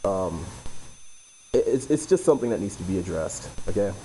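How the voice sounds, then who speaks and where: A man's voice: low voice, lively intonation, moderate pace, dark tone, slight background noise, rough recording. A man hosting his own channel, explaining a topic in loose, blunt casual talk full of fillers and "okay?" tags. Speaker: YouTube host.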